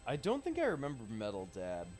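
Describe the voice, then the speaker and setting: A man's voice: mid-range voice, wildly swooping pitch, fairly quick, a little mellow, soft background music. A man casually commentating while he plays a shooter game, swearing freely and chatting with his viewers. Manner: swears freely, chats loosely while playing. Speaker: game streamer. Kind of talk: casual let's-play commentary.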